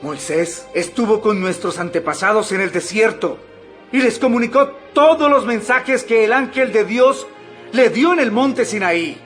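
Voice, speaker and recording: Impassioned high-voiced preacher Stephen. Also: male voice, a little slow, fairly bright tone. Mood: earnest, preaching. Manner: oratorical, emphatic, declamatory. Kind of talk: dramatized audio Bible acting. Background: background music.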